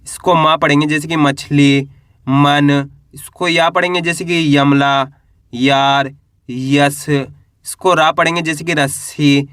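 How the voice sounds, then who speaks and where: A man teaching the Hindi alphabet, asking the learner to repeat each sound and drawing the syllables out slowly. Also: a little high, fairly even intonation, a bit bright, clear, resonant tone, no room sound, studio quality. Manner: stretches vowels and syllables in drawn-out teaching pronunciation. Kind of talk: alphabet lesson with call-and-response drills.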